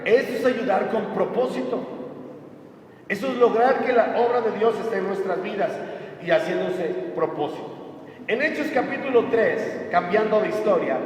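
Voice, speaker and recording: A man's voice: high-pitched, moderate pace, slight background noise. A man preaching a conversational sermon, acting out voices as he retells stories. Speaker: pastor. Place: church hall. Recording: echoey hall from far off.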